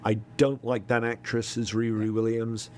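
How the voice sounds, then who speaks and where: A man's voice: mid-range voice, flat delivery, a little hiss or hum. A middle-aged man co-hosting a podcast, chatting casually and hesitantly, with many ums and restarts. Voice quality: halting, lots of ums and repeats. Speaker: podcast co-host. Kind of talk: casual chat.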